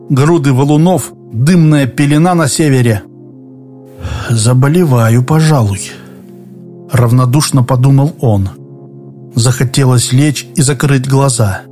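Male audiobook narrator over soft music. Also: medium pitch, unhurried. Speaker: audiobook reader. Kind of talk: scripted narration. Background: faint music.

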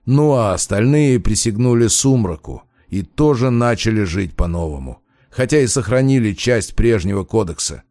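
A world-weary old wolf shapeshifter grumbles low and heavy, as a man puts him on for an audiobook. His deep voice sounds close and dry, with no room around it. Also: animated, moderate pace, hardly any pauses, dark tone, no room sound. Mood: grim. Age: older. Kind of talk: audiobook character voice.

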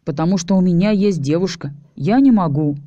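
An earnest young man, put on by a woman reader asks things carefully and a bit hesitantly. The voice is mellow and close, with no room sound. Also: lowish voice, a little fast, no echo, lo-fi sound, close to an everyday voice. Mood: cautious.

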